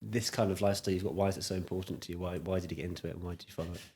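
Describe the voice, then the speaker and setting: A man's voice: deep voice, steady tone, racing, creaky, dark tone. A man hosting a podcast, asking questions in an encouraging way with many listening murmurs. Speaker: podcast host. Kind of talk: podcast interview.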